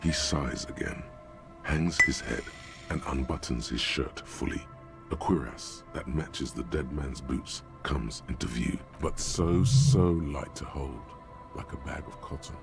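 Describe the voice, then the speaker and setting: An actor narrating a video game in a measured, dry scripted delivery. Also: male voice, a bass voice, vocal fry, exaggerated voice. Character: grave, all-knowing male game narrator. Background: game music.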